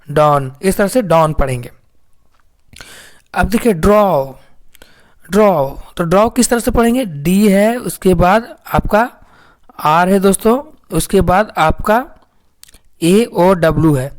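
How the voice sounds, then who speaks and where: A woman's voice: medium pitch, darkish tone. A woman with a mid-range voice teaches a phonics lesson. She keeps posing questions to her viewers and then answering them herself. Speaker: English teacher.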